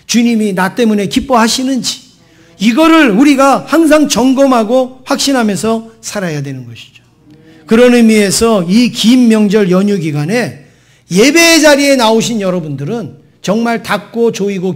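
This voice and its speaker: A male pastor preaching a Sunday sermon in a conversational way, often asking the congregation questions. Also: very high-pitched. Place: church sanctuary.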